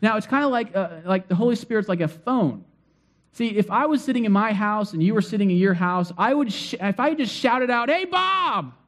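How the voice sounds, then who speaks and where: A man's voice: high-pitched, brisk. A man preaching a sermon in a conversational way, with frequent fillers and restarts. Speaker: pastor.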